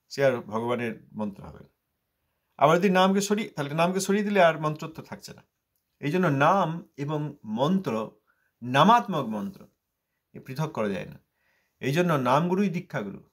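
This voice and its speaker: A man giving a religious discourse, chanting verses slowly and then explaining them. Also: fairly high pitch. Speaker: scripture teacher.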